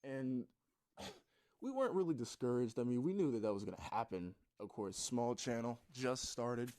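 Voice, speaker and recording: A man's voice: medium pitch, animated, moderate pace, darkish tone. A man, a gaming YouTuber, rambling through a casual story with loose swearing and plenty of fillers.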